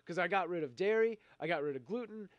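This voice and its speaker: A middle-aged man who has a cold hosts an easygoing live stream, reading comments from viewers in a high, expressive voice. He talks fast and rambles, full of fillers and restarts, laughing often. The recording has no echo, but its highs are cut off.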